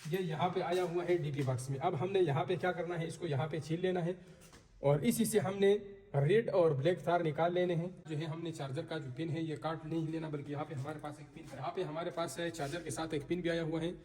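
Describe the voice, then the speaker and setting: An installer presents an informal hands-on tutorial on site, narrating step by step as he works and repeating himself. His voice is a little high and a little mellow, fairly quick with fairly even intonation. Background noise from the location comes through clearly.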